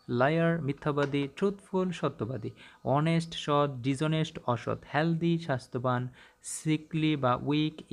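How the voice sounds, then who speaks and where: A man with a Bangladeshi accent teaching English, reading word lists aloud with their meanings in a steady, repetitive drilling manner. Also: mid-range voice. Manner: recites English words then Bengali meanings, repetitive drilling.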